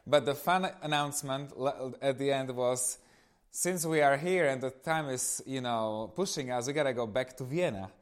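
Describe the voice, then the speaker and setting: A Slovak-accented man in his thirties from eastern Slovakia gives an informal personal testimony to an audience as a guest speaker. His voice is mid-range in pitch and moderate in pace, and he tells his stories animatedly, with self-amused asides.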